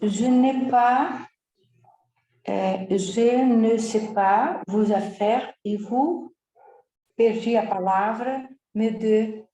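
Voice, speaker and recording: A woman student and native Portuguese speaker, slowly and hesitantly answering in French during an online class. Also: on the high side, mellow. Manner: slow, searching for words. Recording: dull roomy call audio.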